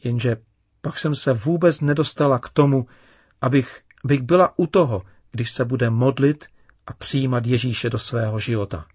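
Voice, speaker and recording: A man voicing an upset young girl in a children's story, read with gentle emphasis. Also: medium pitch, slightly rough, dry recording, close to an everyday voice. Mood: pleading.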